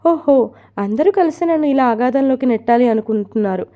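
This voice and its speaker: A woman's voice: high-pitched, lively intonation, fairly quick, narrow, tinny audio. A woman voicing an upset young woman who protests against a forced marriage. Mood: protesting. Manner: protesting, pleading.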